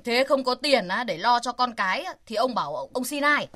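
An actress playing a brisk, teasing middle-aged village woman in a radio drama. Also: a little high, lively intonation, a bit bright, slight background noise. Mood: arguing. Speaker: actor.

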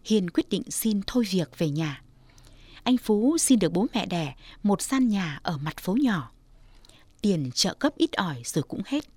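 A woman narrating a scripted story in a steady, measured voice. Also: mid-range voice, no echo.

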